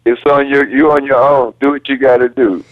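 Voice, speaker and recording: A polite male caller talking in a plain, halting way over a phone line that keeps cutting in and out. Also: medium pitch, little pitch movement, no echo. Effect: phone line breaking up, voice cutting in and out. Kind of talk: call-in radio conversation.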